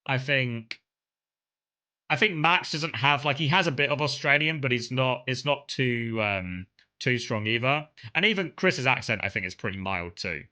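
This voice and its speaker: A man's voice: mid-range voice, lively intonation, moderate pace, pushed and bright. A man from Kent with a mild southern English accent, chatting casually and telling rambling anecdotes as a streamer talking to viewers. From Kent, south-east England. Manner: rambling, conversational.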